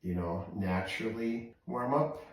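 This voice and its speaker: An American man chatting casually in a halting, rambling way with lots of "you know," as he sits in ice cold water for a vlog. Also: fairly low pitch, slight background noise. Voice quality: frequent "you know" filler, halting phrasing. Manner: talking while sitting in ice cold water. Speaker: vlogger doing a cold plunge challenge. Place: outdoor deck, in a cold plunge tub. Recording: very echoey, voice distant from mic.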